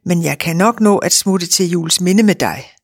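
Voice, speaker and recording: A woman reading aloud and voicing a big, brisk, middle-aged farm wife who talks a lot and gives orders, in a dry recording. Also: lowish voice, expressive, breathy edge, dry recording. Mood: chatty. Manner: bossy and chatty.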